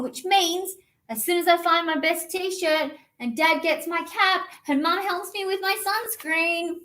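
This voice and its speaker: Reading aloud from a picture book at a children's storytime, this woman is playful, theatrical, and sing-song, mixing in action songs for young kids. Her voice is high-pitched and somewhat bright.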